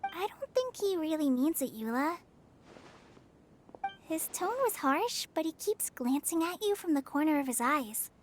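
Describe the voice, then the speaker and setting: Chatty girl healer, super high squeaky voice, bouncy. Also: big pitch swings, a little slow, a little hiss or hum. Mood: teasing. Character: chirpy young girl healer. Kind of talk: game voice acting.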